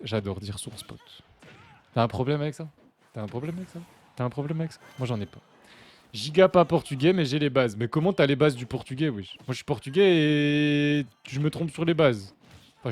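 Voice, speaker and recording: This esports commentator, a young Frenchman hosting a stream, gives relaxed, chatty commentary on a live fighting-game match, bantering with his chat and now and then exploding with excitement. He has a medium-pitched voice.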